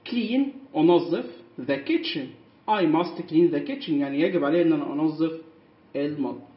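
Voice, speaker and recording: A high-pitched man with an Egyptian Arabic accent walks children through an English lesson. He stretches out each English word carefully, then rushes through the explanation. The recording is echoey and slightly muffled. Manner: reads English words slowly and clearly, then explains them quickly. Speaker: English teacher.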